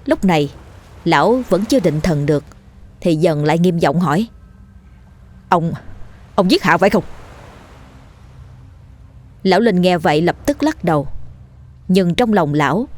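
A woman reading a ghost story in an even, measured way. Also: fairly low pitch. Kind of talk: scripted ghost story narration.

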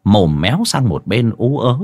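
A man narrating a ghost story in a lively, dramatic way. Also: on the low side, moderate pace, breathy edge, dry recording, clean studio sound.

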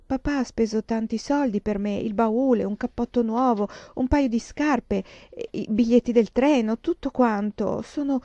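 A woman reading the lines of a gentle blind teenage girl about to leave home, softly and wistfully. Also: fairly high pitch, a little slow, few pauses, dry recording, close to an everyday voice. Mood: eager. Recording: dull lo-fi dry recording.

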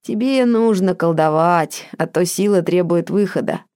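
A woman's voice: on the low side, measured pace, a little mellow, dry recording. A woman voicing a stern adult witch in an audiobook, dry and wry.

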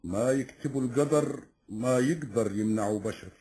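An actor playing a grave, fatalistic emir with a solemn, portentous delivery in a folk epic drama. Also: male voice, medium pitch, normal speed, dark tone, natural voice. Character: grave emir of legend, fatalistic bearer of prophecy.

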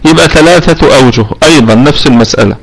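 Over a computer mic in a live online lesson, a man with an Egyptian Arabic accent teaches the rules of Quran recitation. His fairly high voice races along with a breathy edge, and he patiently questions students and repeats sounds to demonstrate them; the audio is poor.

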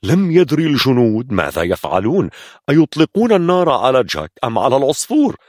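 A man with a husky voice retelling a film as a suspenseful, expressive story. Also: lowish voice, no room sound, clean studio sound.

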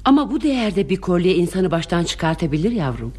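An anxious, excitable friend. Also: female voice, on the low side, a little fast, husky. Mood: worried. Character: worried excitable woman friend. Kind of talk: 1960s Turkish radio theatre acting.

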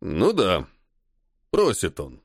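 A man's voice: mid-range voice, sing-song, moderate pace, no echo, clean studio sound, natural voice. A man reading an audiobook and voicing a stern, ironic army colonel who scolds his subordinate with weary irritation. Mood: irritated. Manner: sarcastic, commanding, weary sighs. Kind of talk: audiobook character voice.

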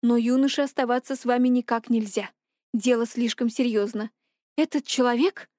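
A woman's voice: fairly high pitch, fairly even intonation, normal speed, darkish tone, dry recording, clean studio sound, lightly acted. A woman voicing a fussy, fretful little official who wails and frets breathlessly. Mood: gloomy. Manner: wailing, breathless, flustered.

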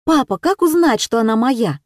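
A woman reading aloud voices an eager, wondering little girl with excited childlike questions. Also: on the high side, normal speed, no echo, studio quality. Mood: curious.

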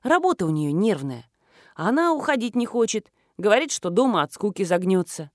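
A woman reading the part of a mild young man who speaks softly and placatingly. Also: medium pitch, sing-song, moderate pace, no room sound, studio quality, natural voice. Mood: calm. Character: young son, mild and apologetic.

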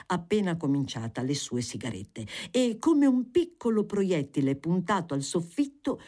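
An audiobook reader narrating a literary novel in an expressive, theatrical way. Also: mid-range voice. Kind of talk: scripted reading of a novel.

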